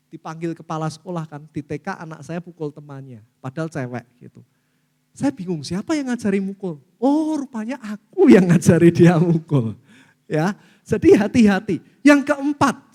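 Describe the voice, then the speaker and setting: A middle-aged pastor preaching a sermon with an Indonesian accent, calling out to the congregation as he teaches. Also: sits high. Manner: lively preaching, often addresses listeners as saudaraku. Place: church hall. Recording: long reverb of a church hall.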